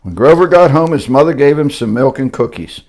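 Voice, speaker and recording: A man's voice: medium pitch, lively intonation, fairly quick, a little mellow. An older man reading a storybook aloud to children, with wry joking asides between the lines.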